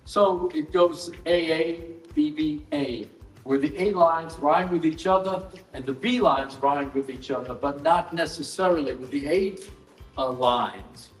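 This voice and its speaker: A man presenting his book at a live event, explaining in a measured way with dry asides. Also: fairly high pitch. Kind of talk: live explanatory talk to an audience. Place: event hall at a book fair. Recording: roomy hall echo, mic some distance off, faint music.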